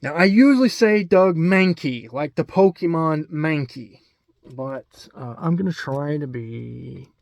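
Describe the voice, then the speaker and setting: A man's voice: fairly high pitch, a little slow, vocal fry, darkish tone, no room sound. A man with an Alabama accent talks casually about his comic book collection, rambling with lots of ums and restarts. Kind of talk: casual video chat.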